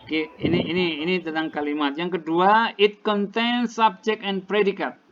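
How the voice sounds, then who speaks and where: A male teacher giving a classroom lecture, explaining slowly and repeating each point in translation. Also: high voice, level tone, a bit bright. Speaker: English teacher. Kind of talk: classroom lecture, mixing languages. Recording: dull lo-fi classroom recording with clear noise.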